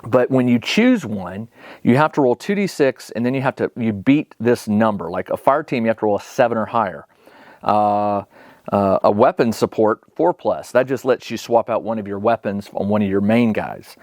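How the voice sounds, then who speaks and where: A man's voice: fairly low pitch, animated, normal speed, darkish tone, no echo. Casual man in a dry, close recording. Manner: conversational, thinking aloud. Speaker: solo tabletop wargame player and host. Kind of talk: casual narrated game playthrough, reading rules aloud.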